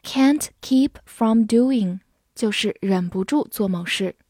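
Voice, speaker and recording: A woman teaching English words in a patient vocabulary lesson. She spells each word letter by letter and reads example sentences slowly. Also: a little high, animated, dark tone, dry recording, studio quality. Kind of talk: vocabulary lesson, spelling and slow read-alongs.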